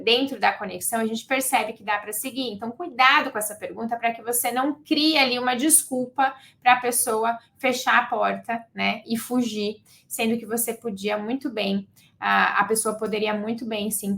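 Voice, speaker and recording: A woman teaching sales techniques in a lively, conversational way, acting out sales calls as she goes. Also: on the high side. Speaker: sales trainer. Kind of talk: conversational teaching with role-play examples.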